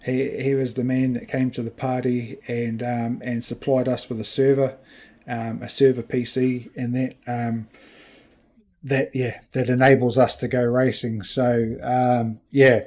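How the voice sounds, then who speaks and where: Male race series host, New Zealand accent, even flat pitch, halting off-the-cuff delivery. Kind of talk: casual unscripted thank-you talk.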